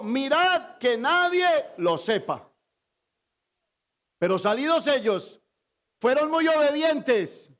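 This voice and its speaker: A man preaches in a fairly high voice, taking his time over each phrase. He delivers a sermon with strong emphasis. He pauses often to put questions to his congregation. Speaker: pastor.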